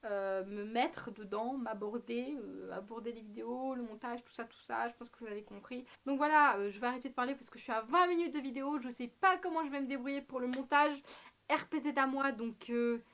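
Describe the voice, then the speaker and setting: Young woman vlogging off the cuff, kinda high voice, ironic and over the top, lots of ums and slang. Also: a little fast. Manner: animated, ironic, exaggerated, slangy, many fillers. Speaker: anime vlogger. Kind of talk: unscripted casual vlog. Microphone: camera mic.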